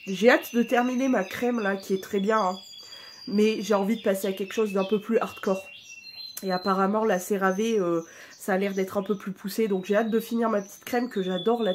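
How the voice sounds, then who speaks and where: A woman's voice: mid-range voice, a little hiss or hum. A woman vlogger chatting casually at home, informal and chatty, with the odd casual swear word. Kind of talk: casual vlog chat.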